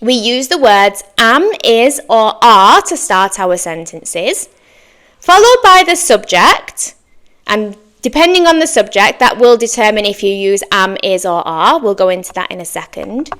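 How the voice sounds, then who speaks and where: A woman's voice: medium pitch, lively intonation, unhurried, fairly bright tone. A woman presenting a scripted English lesson for learners, enunciating carefully and stressing key words in an instructional way.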